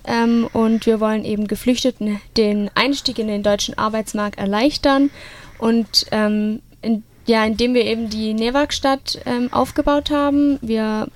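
A woman's voice: on the high side, steady tone, unhurried. A twenty-year-old woman student describing her project tentatively, with many fillers. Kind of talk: studio interview.

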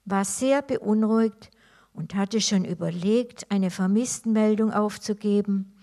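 A woman reading a crime novel aloud in a steady, deliberate manner. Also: medium pitch. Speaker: reader.

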